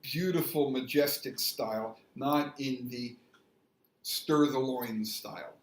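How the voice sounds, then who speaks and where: An emphatic man talks through religious values in a casual debate. He restates phrases to drive his point home. His voice sits at a middle pitch, and the room around him is noticeably echoey. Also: takes it slowly.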